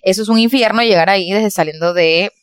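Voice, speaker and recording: A woman's voice: medium pitch, fast, clear, resonant tone. A woman in her thirties with a Panamanian Spanish accent, chatting as a podcast co-host and telling anecdotes with frequent laughter. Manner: lively, laughs often, acts out quotes. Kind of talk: casual chat, storytelling.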